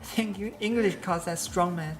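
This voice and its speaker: A woman's voice: lowish voice, moderate pace, music in the background. A woman streamer in casual chat, talking loosely with lots of restarts and dry jokes.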